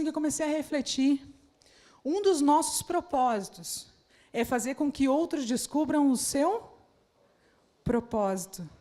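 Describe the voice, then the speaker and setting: Delivering a sermon to church leaders at a conference, this woman has a high voice with a darkish tone. She addresses the audience directly and leans on rhetorical questions throughout.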